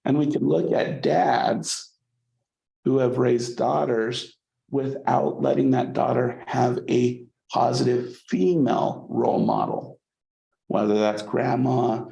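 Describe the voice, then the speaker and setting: Speaking slowly and steadily, this college psychology teacher has a mellow, medium-pitched voice with vocal fry. His lecture is conversational, dotted with frequent "okay?" checks to the class and repeated words whenever he restarts. The audio is dull and the room echoey.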